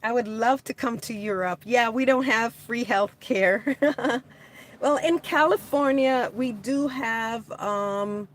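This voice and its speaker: A Jamaican-born woman hosts a casual livestream from her California home, laughing often as she answers viewer comments. Her voice sits a little high, and she speaks at a slow pace.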